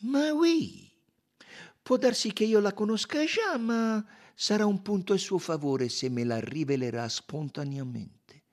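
A man doing a high, precise, fussy detective. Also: expressive, measured pace. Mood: firm. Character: fussy, sharp-minded Belgian male detective. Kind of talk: audiobook character reading.

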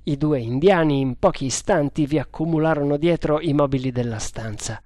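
A man's voice: a little high, mellow, dry recording. Man narrating an adventure novel. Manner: dramatic, measured reading. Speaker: audiobook narrator. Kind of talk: scripted narration.

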